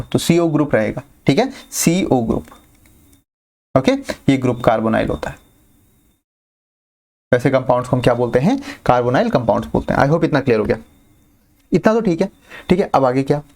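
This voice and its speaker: A man giving a chemistry lesson in a middle-pitched voice. He pauses to think, slows down to spell out each technical term, and keeps asking the class questions before answering them himself. He mixes English words into his talk and checks in often with "right?" and "okay". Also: lively intonation, a little mellow. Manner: thinks aloud, with pauses and slow, spelled-out terms. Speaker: teacher.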